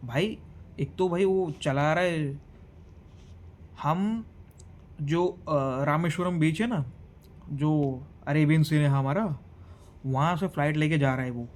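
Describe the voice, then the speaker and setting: A young man from Gujarat telling a travel story in a casual vlog, animated, switching between Hindi and English. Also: fairly high pitch, takes it slowly, pauses often. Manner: animated, mixes Hindi and English, mimics others. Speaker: vlogger.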